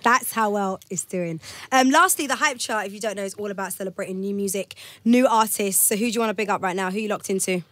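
A teasing, lively woman radio presenter, speaking at a medium pitch. The studio sound is dry and close. She laughs easily and jokes with her guest. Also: fast, hardly any pauses, no echo. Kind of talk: playful radio interview.

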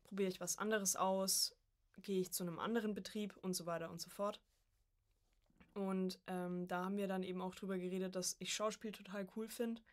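A voice acting student in her early twenties is a guest on a podcast, telling her story casually in an informal conversational interview. Her medium-pitched voice holds a steady tone and moves a little fast.

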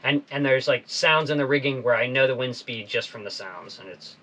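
A man in his forties hosting a casual interview in a small boat cabin, talking in a relaxed, laid-back way. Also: mid-range voice, a little fast, rough recording. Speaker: podcast host.

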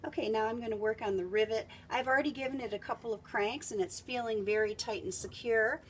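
A woman giving a step-by-step product installation demonstration, explaining clearly as she works with tools beside a kayak. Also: on the high side, steady tone, fast talker, a little hiss or hum. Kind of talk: instructional how-to demonstration.

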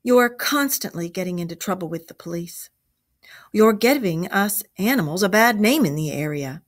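A woman's voice: fairly low pitch, animated, moderate pace. A woman voicing a firm, stern elderly male badger in a storybook read-aloud.

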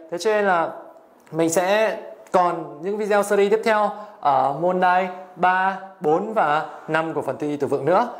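A young adult man teaching a language exam-prep lesson, walking through answers and checking in with rhetorical tag questions. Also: on the high side.

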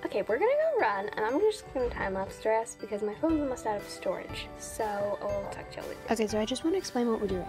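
Teen girl vlog, high voice, kinda bossy n giggly, outside on a phone, music in back. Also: sing-song, fast, hardly any pauses. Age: teenager. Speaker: older sister vlogging, coaching siblings. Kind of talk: casual chatty vlog. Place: outdoors on a driveway. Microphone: phone held at arm's length.

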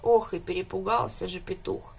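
Woman reading a children's tale, slightly husky. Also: lowish voice, moderate pace. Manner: lively, expressive reading.

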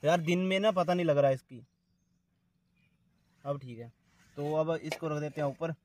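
With a fairly high but darkish voice at normal speed, a young man from Himachal Pradesh chats to viewers as friends from a grassy field in the woods where he's camping. He holds the camera at arm's length, and a little hiss or hum can be heard.

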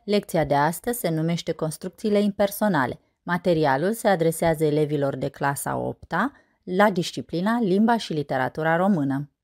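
Woman in a measured spoken lesson. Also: low voice, a little mellow. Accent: Romanian. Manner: clear, measured, asks and answers her own questions. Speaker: teacher presenting a grammar lesson. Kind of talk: scripted lesson narration.

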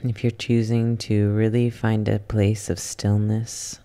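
In a calm, unhurried ASMR yoga nidra session, a gentle meditation guide speaks softly and lets long silences fall between phrases. The pitch is medium and the tone stays level.

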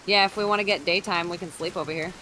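A woman's voice: on the low side, fairly even intonation, fast, a crowd in the background, rough recording. A woman chatting casually as a player in a co-op video game. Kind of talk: casual co-op gameplay chat.

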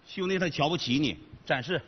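A man's voice: on the high side, a little fast, husky. A man with a Northeastern Mandarin accent playing a blustering customer demanding a refund in a comedy sketch. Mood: indignant. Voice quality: blustering, bossy. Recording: slightly muffled broadcast audio.

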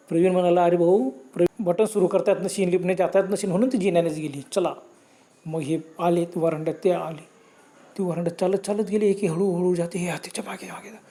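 A man's voice: high-pitched, warm tone. Man telling a dramatic ghost story. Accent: Marathi. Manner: dramatic, emphatic retelling with gasps of fear. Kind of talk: spoken horror story narration.

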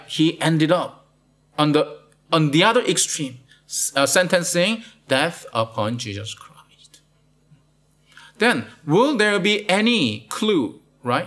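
A middle-aged pastor with a Malaysian accent and a slightly high, somewhat bright voice preaches a sermon in a studio against a plain blue backdrop. He repeats his words and tacks on "right?" after nearly every point.

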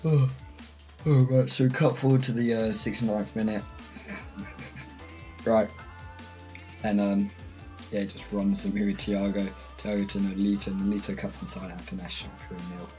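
A man's voice: fairly low pitch, little pitch movement, normal speed, dark tone, faint music behind, low-quality recording. A British man giving a casual, rambling, self-mocking voice-over on his own football gameplay. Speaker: gaming channel host.

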